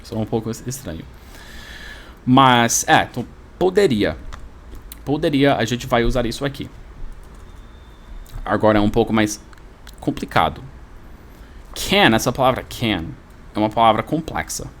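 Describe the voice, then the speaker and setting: Lively man teaching a lesson. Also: mid-range voice, normal speed, long pauses. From United States. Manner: patient, repeats examples, explains step by step. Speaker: English teacher. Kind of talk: explanatory language lesson.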